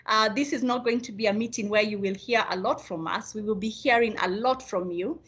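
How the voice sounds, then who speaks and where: A woman's voice: medium pitch, a little fast, fairly bright tone, slightly rough. A woman hosting a video meeting, polite and hesitant, with frequent fillers. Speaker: meeting host. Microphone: video call. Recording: slightly dull video-call audio.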